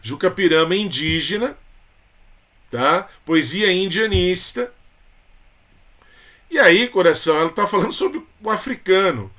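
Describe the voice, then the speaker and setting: Man, Brazilian Portuguese accent, high-pitched voice, chatty literature teacher, fond tag questions. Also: animated, unhurried, long pauses, sharp tone. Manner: chatty, calls students "coração", frequent tag questions. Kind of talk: exam-prep literature lesson.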